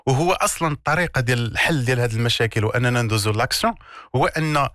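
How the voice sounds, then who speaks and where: Speaking at a rapid-fire clip in a medium pitch, this man has a slightly bright voice and a Moroccan accent. As a guest in an interview, he coaches listeners on self-development, driving points home didactically with repeated key words and rhetorical questions. There's no room sound, and the audio is studio quality.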